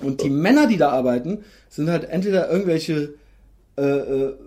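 A man's voice: on the high side, animated, normal speed, darkish tone. A man casually telling a long rambling anecdote, acting out quoted lines as he goes. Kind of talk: casual chat.

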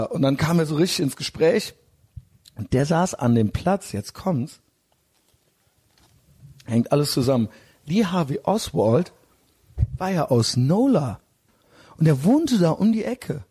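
A man's voice: on the high side, very animated, a little slow, pauses often, warm tone, slightly rough. A man casually telling a rambling, slangy anecdote full of fillers. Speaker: storyteller.

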